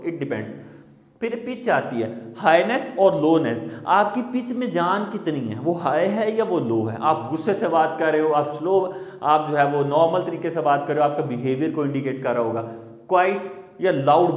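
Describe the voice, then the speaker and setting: A man's voice: fairly high pitch, a little mellow. A man giving a recorded lecture, explaining points and repeating them as he checks in with the listener. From Pakistan. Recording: echoey room with long reverb.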